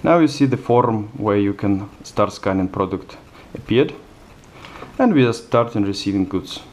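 Man, low voice, hesitant fillers, step-by-step demo narration. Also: lively intonation, moderate pace, slight background noise. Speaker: software demonstrator. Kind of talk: screencast product demo narration.

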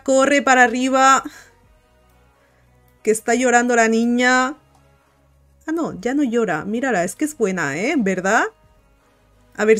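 A woman giving casual gameplay commentary, cooing and chatting to the game characters. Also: on the high side. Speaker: gaming video host. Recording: light music behind.

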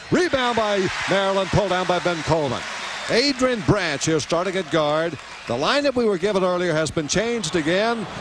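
A man's voice: sits high, noisy background. A man calling live basketball play-by-play in clipped running descriptions, on an old television sports broadcast.

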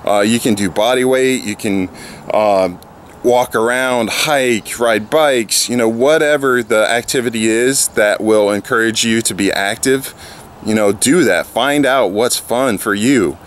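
A man's voice: medium pitch, measured pace, a little hiss or hum. A man in his thirties chatting casually in a vlog, filmed on a handheld camera outside his house and in his garage. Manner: relaxed, rambling with fillers. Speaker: fitness vlogger. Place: outdoors by a house, then a garage. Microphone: handheld camera at arm's length.

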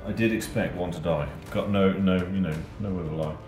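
A man's voice: sits low, a little fast. A man explaining game rules in casual chat, hesitant with many fillers. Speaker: tabletop wargame opponent. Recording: echoey room with loud music. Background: background music.

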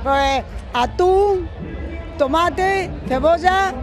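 A middle-aged woman at an outdoor street festival, talking lively and emphatically into a reporter's handheld mic. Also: very high-pitched, drawn-out words, over music, crowd noise. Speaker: festival participant. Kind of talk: casual interview answers.

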